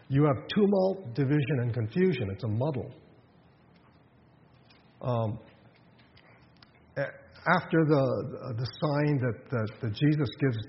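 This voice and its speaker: A man's voice: mid-range voice, long reverb tail, lo-fi sound, slight background noise. A man preaching a sermon in a conversational way, with rhetorical questions and frequent restarts. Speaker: pastor.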